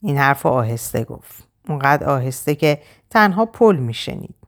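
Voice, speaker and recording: A woman narrating an audiobook in an expressive, measured reading. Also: very deep voice.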